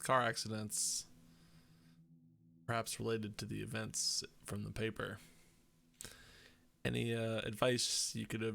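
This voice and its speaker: A man playing a tabletop game, speaking in formal, measured phrases. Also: lowish voice, gravelly, a bit bright. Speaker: player. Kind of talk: in-character tabletop play.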